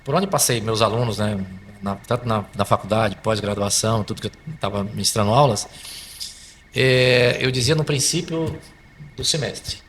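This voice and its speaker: Animated Brazilian man, bright voice. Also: fairly low pitch, normal speed. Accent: Brazilian Portuguese. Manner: animated, repeats and restarts words. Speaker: psychologist guest. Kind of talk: conversational explanation. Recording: faint background noise.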